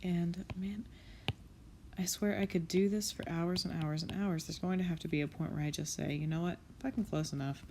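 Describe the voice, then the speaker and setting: During a drawing session, a young comic artist chats casually, sniffling from a cold, swearing under her breath, and knocking her own efforts. Her voice is fairly low and dark, with fairly even intonation at normal speed, over slight background noise.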